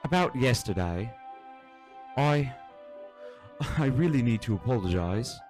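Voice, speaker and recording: A man's voice: mid-range voice, lively intonation, a little slow, a little mellow, faint music behind, natural voice. Visual-novel read-along: man voicing a reserved young woman, mock British accent slipping Australian, hesitant. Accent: put-on British, drifting toward Australian. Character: shy bookish young woman. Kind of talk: reading a visual novel aloud with friends.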